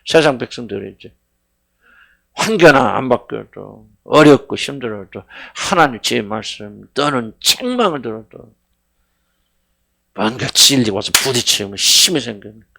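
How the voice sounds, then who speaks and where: A middle-aged man preaching a sermon as senior pastor, fervent, swinging between loud cries and hushed words, questioning his congregation. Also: mid-range voice, animated, a little slow, creaky. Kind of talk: sermon at a Friday prayer meeting.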